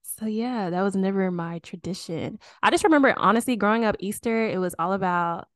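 A woman's voice: medium pitch, a little fast, no echo. Twenties woman just chatting on a podcast, rambly, laughs a lot, dry close mic. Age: 20s. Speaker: podcast co-host. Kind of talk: casual chat.

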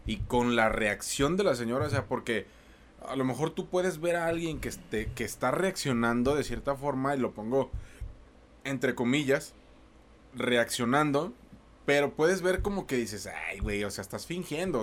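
A man with a Mexican Spanish accent hosting a casual podcast, slangy and joking, swearing freely. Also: mid-range voice. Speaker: podcast host.

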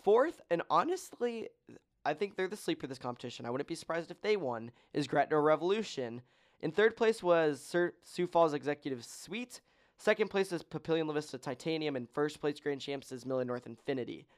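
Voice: medium pitch, expressive, fairly quick. A podcast host in casual chat, joking and running through long lists of results with many ums.

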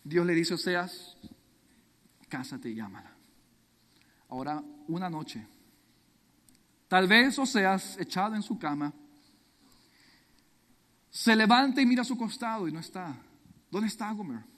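High-voiced preacher in a reverberant hall. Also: male voice, lively intonation, measured pace, long pauses, fairly bright tone. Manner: dramatic storytelling. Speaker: youth pastor. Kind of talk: sermon.

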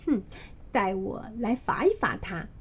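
A woman's voice: medium pitch, sing-song, unhurried, breathy edge, exaggerated voice. A woman voicing a proud, hot-tempered male monkey king in a children's storybook, with a scornful, blustering manner. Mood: grumbling.

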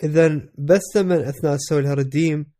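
A man with an Iraqi Arabic accent chatting casually as a podcast co-host, congested with a cold that affects his voice, halting as he searches for words. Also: fairly high pitch, steady tone, mellow. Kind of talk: casual chat.

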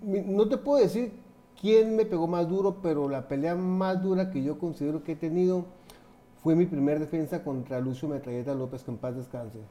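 A man from Mexico with a fairly high but mellow, soft-edged voice looks back on his hardest fight. He talks in a reflective, halting way and often repeats words as he searches for them. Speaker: retired boxer guest. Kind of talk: casual interview.

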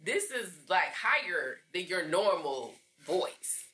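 A woman's voice: fairly low pitch, sing-song, slow, pushed and bright, a little hiss or hum. A woman co-hosting a podcast, explaining earnestly in casual chat. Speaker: podcast co-host.

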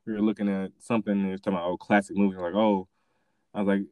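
A man's voice: lowish voice, little pitch movement, racing, no echo, dull audio. A man hosting a casual film discussion, often restarting his sentences and feeling his way through thoughts. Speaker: host asking questions.

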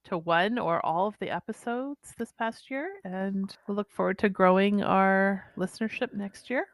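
A woman co-hosting a podcast, chatty and bubbly, quick to laugh at herself. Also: medium pitch, no room sound. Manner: chatty, bubbly, self-deprecating. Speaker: podcast co-host. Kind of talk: casual chat.

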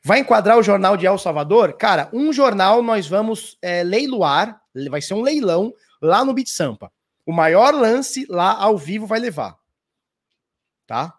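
A man's voice: sits high, big pitch swings, a little slow. A Brazilian man hosting a casual live stream, answering viewer questions in a loose, slangy way with swearing and restarts. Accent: Brazilian Portuguese. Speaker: crypto livestream host. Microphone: standing at a live stream mic.

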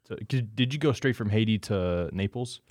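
A man in his twenties hosts a podcast, reading a scripted intro before moving to easygoing interview questions that he rephrases as he asks them. His voice is lowish and darkish at a moderate pace, with clean studio sound and no room sound.

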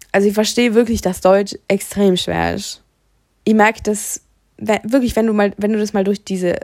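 A woman's voice: medium pitch, no echo. Young woman hosting her own podcast: outspoken, chatty, opinionated, close and dry recording. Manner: frank, chatty, opinionated storytelling. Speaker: podcast host. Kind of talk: casual solo podcast monologue.

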